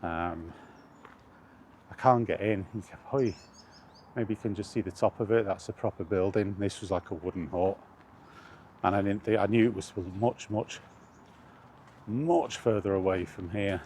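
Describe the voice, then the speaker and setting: A man records himself on an outdoor walk, chatting casually and wandering between thoughts, hesitant and quick to correct himself. He sounds on the low side and a little mellow, at a normal speed with frequent pauses and slight background noise.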